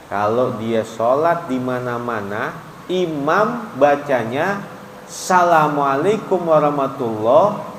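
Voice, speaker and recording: Slow-spoken man teaching in an echoey mosque. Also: a little high, slight background noise. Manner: chants Arabic phrases slowly, then explains briskly. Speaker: religious teacher. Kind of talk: mosque study sermon. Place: mosque hall. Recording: echoey hall, faint ambience.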